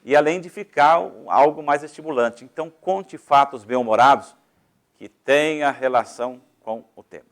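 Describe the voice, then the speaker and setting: A man's voice: medium pitch, normal speed. A man with a Brazilian Portuguese accent giving a didactic lecture on public speaking, explaining step by step and shifting his volume and pace freely.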